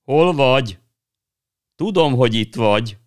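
Lost young schoolboy shouting for his sister, high strained boyish calls, anxious and sulky, voiced by a man. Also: expressive, lightly acted. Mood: frantic calling. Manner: shouting, calling out pleadingly.

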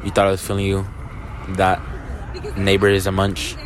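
A man's voice: low voice, completely flat delivery, moderate pace, a crowd in the background. A teenage boy hosting a casual joking chat in a mock-earnest, ironic zoomer way full of slang. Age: teens. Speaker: host. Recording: noisy outdoor, traffic and vehicle ambience.

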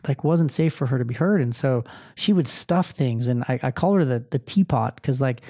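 A man's voice: medium pitch, lively intonation, normal speed, warm tone, no echo, clean studio sound. A man hosting a podcast, telling personal stories in a candid, self-deprecating way and swearing freely. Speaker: podcast host. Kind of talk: casual personal monologue.

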